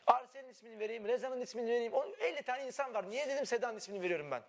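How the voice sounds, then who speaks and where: A man's voice: very high voice, animated, racing. A young man in a reality show house, pleading with his partner and full of regret. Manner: pleading, repetitive, remorseful. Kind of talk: emotional heart-to-heart. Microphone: wireless body mic.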